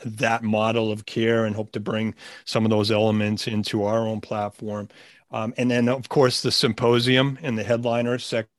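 Halting man, low and monotone. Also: no echo. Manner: halting, hesitant, trailing restarts. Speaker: podcast co-host. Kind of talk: unscripted episode introduction.

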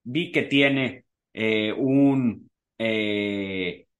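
A man's voice: lowish voice, very slow, muffled recording. A man co-hosting a casual golf podcast, talking in long rambling sentences full of fillers. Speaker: podcast co-host.

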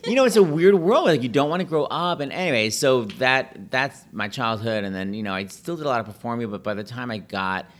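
A middle-aged man telling stories in a casual, animated chat, full of "like" and quick asides. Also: medium pitch. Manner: chatty, animated, peppered with "like".

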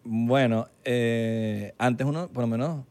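Speaking slowly with a steady, darkish, medium-pitched voice, a young Venezuelan-accented podcast co-host chats casually. He plays out quoted dialogue in a laid-back, slangy manner.

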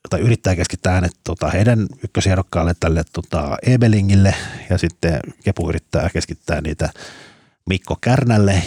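Matala, käheä miesääni. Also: male voice, sits low, darkish tone, breathy edge, dry recording, clean studio sound. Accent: Finnish. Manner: thoughtful, many fillers, explains at length. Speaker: podcast panelist, journalist. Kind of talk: casual discussion.

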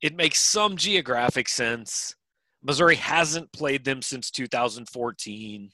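Wry man, bright dry voice. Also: mid-range voice, expressive, a little slow, no room sound, low-quality recording. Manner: dry, wry humor with frequent restarts. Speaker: sports podcast co-host. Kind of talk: casual chat.

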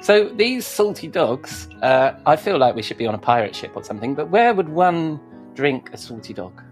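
A man's voice: a little high, big pitch swings, moderate pace, soft background music. A man hosting a podcast, chatting in a jovial, wry way and often murmuring agreement. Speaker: podcast host. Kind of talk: casual podcast chat.

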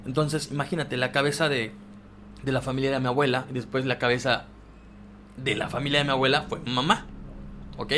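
This young Mexican man tells his story with a lot of life, using casual slang and stumbling into restarts as he goes. His voice sits at an ordinary middle pitch for a man, and there is a faint hiss of noise behind him. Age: 20s. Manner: animated, slangy, halting with many restarts. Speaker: podcast guest. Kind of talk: casual chat, personal storytelling.

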